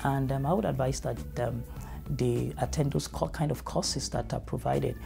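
A middle-aged man with a Nigerian accent speaks in a measured, thoughtful way, his mid-range voice heavy with gravelly fry. He answers questions in a studio interview. Clear background music plays under him. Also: medium pitch, steady tone. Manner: measured, earnest, thoughtful with fillers. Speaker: family educator. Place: studio with dark backdrop.

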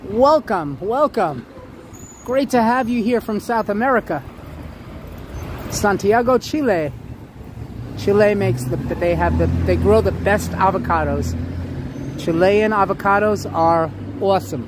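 A man's voice: high voice, animated, measured pace, long pauses. A man with a Queens, New York accent chatting casually as he hosts a walking livestream, often repeating words. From Queens, New York City. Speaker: livestream host. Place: outdoors on a busy city sidewalk. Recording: noisy city street with traffic. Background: street ambience and passing cars.

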